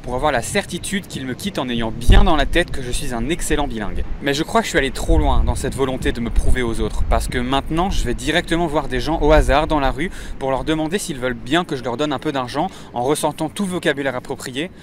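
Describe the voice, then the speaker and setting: A man's voice: medium pitch, fast talker, few pauses, noisy background. A young French man with a French accent, delivering a mock-serious, self-mocking comic monologue outdoors on a city street. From France. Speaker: comedy vlogger.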